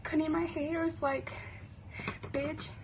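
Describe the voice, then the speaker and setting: A woman's voice: high-pitched, flat delivery, takes it slowly, heavy background noise. A woman vlogging casually as she nervously narrates her own haircut, with lots of exclamations and swearing.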